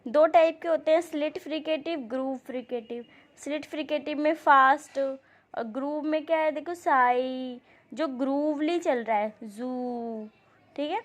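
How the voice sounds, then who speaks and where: A woman teaching an exam-prep lesson, explaining terms and often asking the class questions before she answers them. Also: high voice. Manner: explains with repeated checks and questions to students; reads English passages slowly and deliberately. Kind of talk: exam-prep coaching lecture.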